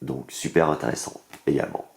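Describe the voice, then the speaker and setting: Man, deep low voice, French accent, enthusiastic board game reviewer, lots of fillers. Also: steady tone, fairly quick, vocal fry, a little mellow. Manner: enthusiastic, explains rules step by step with many fillers. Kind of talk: casual unboxing and card review.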